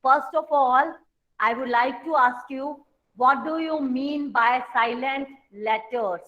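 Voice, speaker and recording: Indian lady teacher, high voice, really slow and patient, dull lo-fi call audio. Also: a bit bright. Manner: patient, explains slowly, mixes Hindi and English. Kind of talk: online class lesson.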